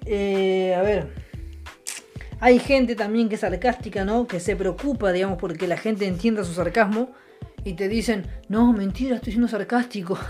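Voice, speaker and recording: Chuckling at his own jokes, this young male comedian rambles through a stand-up story in an offhand, sarcastic way, with plenty of fillers and restarts. He speaks Argentine Rioplatense Spanish in a high-pitched, darkish voice.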